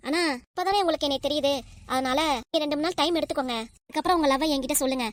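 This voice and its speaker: A woman's voice: high voice, rapid-fire, dry recording, natural voice. Cartoon: woman as a persistent young nurse, southern Tamil Nadu accent, dry close sound. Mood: pleading. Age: 20s. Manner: pleading, insistent, talks over objections. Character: earnest 20-year-old female nurse, lovestruck and persistent. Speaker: voice actor. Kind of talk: cartoon voice acting.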